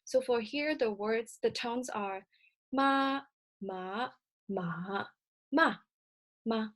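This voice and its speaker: A Cantonese-native woman presents a recorded slide lecture, explaining in a measured way with frequent filler sounds. Her voice is a little high and a bit bright.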